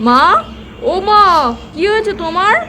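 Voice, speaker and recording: A woman's voice: very high voice, animated, unhurried, background noise. A woman voicing a grumpy, skeptical father who scoffs and scolds in a doll cartoon. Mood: alarmed.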